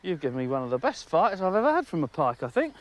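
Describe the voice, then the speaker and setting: Middle-aged male angling presenter, slightly high voice, excitable, chats to the fish, laughs a lot, recorded outdoors by a lake on a lapel mic. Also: fast talker. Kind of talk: outdoor fishing commentary. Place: outdoors on a lakeside jetty.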